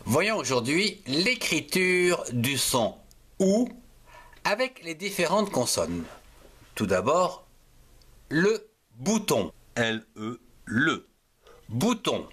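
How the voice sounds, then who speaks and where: A man's voice: on the high side, sing-song, drawn-out words, long pauses, fairly bright tone, slightly rough. A man with a French accent teaching handwriting, spelling out words letter by letter and sounding out each syllable. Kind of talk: slow spelled-out handwriting lesson.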